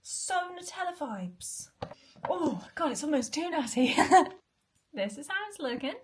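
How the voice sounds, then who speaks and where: A woman's voice: high voice, very animated, unhurried, a little hiss or hum. A young British woman taste-testing food for her vlog, chatting casually between bites and sometimes dropping to a half-whisper. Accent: British English. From Britain. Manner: chatty, eating while talking, drops to half-whispers. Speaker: food vlogger.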